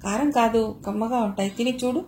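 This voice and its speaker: A woman's voice: fairly high pitch, a little fast, mellow, a little hiss or hum, close to an everyday voice. A woman reading a playful young male student. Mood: teasing. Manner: coaxing, light-hearted.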